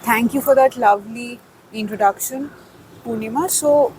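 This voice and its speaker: A woman's voice: a little high, normal speed, darkish tone, slight background noise, rough recording. A woman hosting an interview, asking questions in an upbeat way. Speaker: interviewer host.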